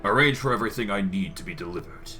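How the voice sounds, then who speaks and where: A man's voice: fairly low pitch, lively intonation, sharp tone, faint music behind. A man voicing a proud, scornful old undead lich from a game, with a dry voice and pompous, formal delivery. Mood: haughty. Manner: pompous, slow-burning disdain, formal diction. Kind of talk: acted reading of video game dialogue.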